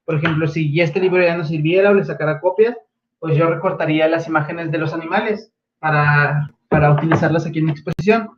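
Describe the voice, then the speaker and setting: A male primary school teacher from Mexico giving a patient livestreamed lesson to his pupils, pausing often on fillers like "eh" and "este". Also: fairly high pitch, steady tone, dull audio. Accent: Mexican Spanish. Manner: halting, many fillers like "eh" and "este"; patient, gently instructive.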